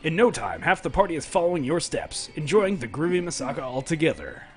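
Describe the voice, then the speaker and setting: A man's voice: a little high, big pitch swings, fairly quick, soft background music. A man on a live stream reading a dating sim game's text aloud, joking and playful. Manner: joking, playful, breaks into laughter. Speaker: streamer and game narrator.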